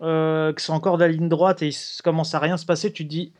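Man, slightly high voice, casual podcast chat, animated, interrupts often. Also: quick pace. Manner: animated, talks over partner, swears casually. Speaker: podcast co-host. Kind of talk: casual chat about retro games.

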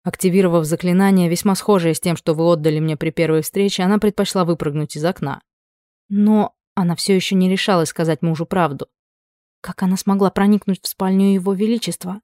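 A woman narrating a romantic fantasy novel in a calm, measured way. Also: lowish voice, no room sound, clean studio sound. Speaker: audiobook narrator. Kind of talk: scripted narration.

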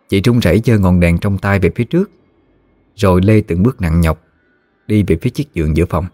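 A man narrating a scripted horror story in a steady, even storytelling manner. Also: sits low, dry recording. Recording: dry studio voice-over with faint music.

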